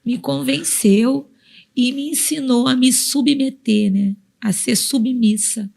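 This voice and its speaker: A woman pastor sharing a personal testimony on a podcast, her voice husky and a little gravelly. She sits fairly high in pitch and speaks in an earnest, emotional way, circling back over her phrases as she tells the story. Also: slow, darkish tone. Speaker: pastor and guest.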